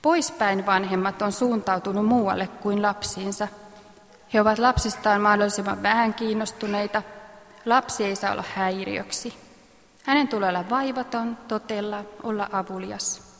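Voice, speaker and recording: A woman reading parenting advice aloud in a measured, instructive manner, clearing her throat now and then. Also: medium pitch, fairly even intonation, long reverb tail. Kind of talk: read-aloud advice text.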